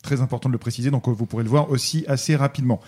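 A man hosting a casual film podcast, steering the talk in a quick, offhand way. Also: mid-range voice, fairly even intonation, darkish tone. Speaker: podcast host.

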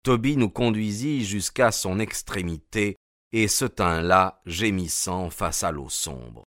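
A man narrating a classic detective novel in an audiobook, measured and expressive. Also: low-pitched, dry recording, clean studio sound. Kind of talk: scripted literary narration.

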